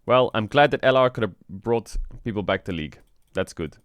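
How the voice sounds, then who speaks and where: A man streaming in casual chat, frank and rambling, swearing often, with a flat delivery because he just woke up. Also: a little fast, clear, resonant tone, no echo. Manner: flat, low-energy delivery. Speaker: streamer and esports team owner.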